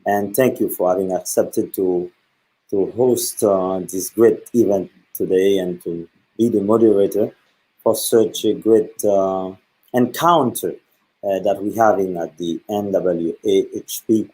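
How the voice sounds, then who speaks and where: Earnest priest, low voice. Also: male voice, warm tone, rough recording. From Haiti. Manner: earnest, with many pauses and fillers. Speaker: guest speaker. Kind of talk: reflective talk on faith.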